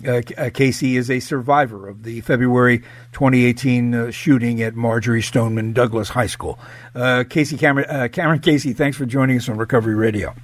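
Halting male radio host, dry sound. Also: medium pitch, steady tone, no echo. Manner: halting, many fillers and restarts. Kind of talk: radio interview.

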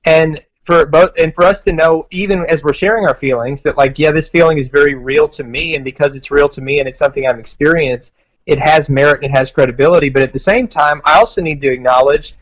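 A man's voice: fairly high pitch, fast, poor audio. An American man guest giving earnest, conversational advice. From United States. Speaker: guest marriage expert.

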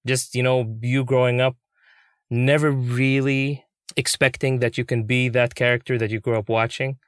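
A young man, a puppeteer, telling his story in an interview, earnest and excitable. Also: mid-range voice, moderate pace, dry recording, clean studio sound. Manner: earnest, excitable, many fillers.

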